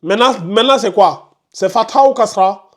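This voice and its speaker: A man teaches a recitation class in a high voice for a man. He keeps pressing his point and goes over each step again and again. He scolds the students who lose track. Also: moderate pace. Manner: insistent, repeats explanations step by step, scolds students. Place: classroom with a board.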